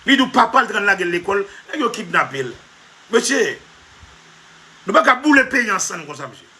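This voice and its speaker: In a fast, sharp voice that sits high, a comedy vlogger runs through an emphatic, repetitive comic monologue with lively intonation. He often half-laughs while talking and keeps addressing "monsieur."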